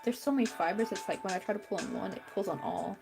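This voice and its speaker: Here a young woman hosting a crochet channel keeps up a casual, chatty stream of talk as she crochets, muttering complaints to herself along the way. Her young-sounding voice sits mid-range, expressive and gravelly, and she talks at a quick clip over background music.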